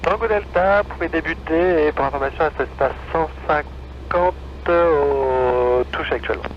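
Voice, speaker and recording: A man's voice: fairly high pitch, normal speed. A man working as an air traffic controller, heard over an aircraft radio and speaking in clipped, formal radio phrases. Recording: muffled radio with loud noise.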